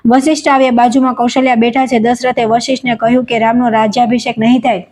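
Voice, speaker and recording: Woman in an even, flat storytelling voice. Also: fairly high pitch, quick pace. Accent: Gujarati. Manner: steady recitation, even delivery, quoted dialogue read without acting. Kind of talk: devotional scripture storytelling.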